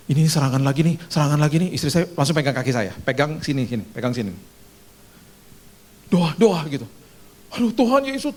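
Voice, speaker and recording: A middle-aged male pastor preaching a sermon with a personal testimony, telling the story in a lively way and acting out voices with sudden loud, high bursts.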